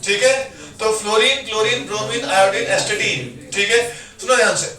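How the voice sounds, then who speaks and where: High-voiced teacher chanting mnemonics. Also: male voice, fairly even intonation, normal speed. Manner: drills mnemonics, sing-song chanting. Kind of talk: classroom lecture with call-and-response. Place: classroom. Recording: echoey classroom from far off, loud crowd.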